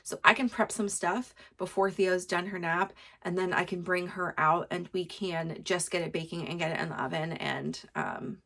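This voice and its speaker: Chatty woman with a gravelly edge. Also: on the low side, steady tone, moderate pace, few pauses, fairly bright tone. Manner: rambling, chatty, many fillers and laughs. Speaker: podcast host. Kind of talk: casual solo chat.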